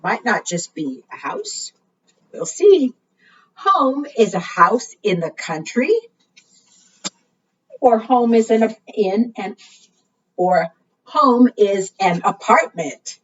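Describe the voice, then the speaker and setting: Reading to young children at preschool storytime, this librarian uses a sing-song delivery and frequently asks her listeners questions. Her mid-range voice moves slowly with long pauses, heard through a muffled, distant microphone.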